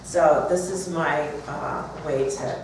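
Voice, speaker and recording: A woman author speaks and reads aloud at a live audience event in a bookstore. Her voice is deep and she takes her time. The recording sounds roomy, distant and noisy, as live event recordings do.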